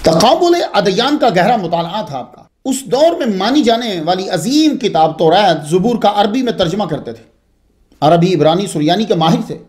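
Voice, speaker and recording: Pitched high and moving at a normal speed, a man lectures on the history of religion. He narrates expressively and keeps drifting into asides.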